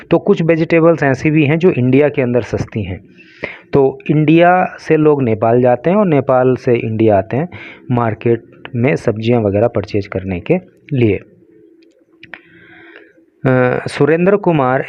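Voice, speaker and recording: A man teaching English from a newspaper, reading English phrases slowly and then explaining their meanings in Hindi. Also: medium pitch, no room sound, muffled recording.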